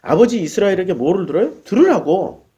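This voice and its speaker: A male preacher with a high, lively voice that leaps up and down as he teaches scripture. He keeps asking his listeners questions and answering them, driving his points home with repetition. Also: fairly quick, lo-fi sound. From Korea. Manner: asks the audience rhetorical questions and answers them; shifts between formal address and blunt casual speech. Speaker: pastor teaching Bible lectures. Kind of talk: Bible lecture sermon.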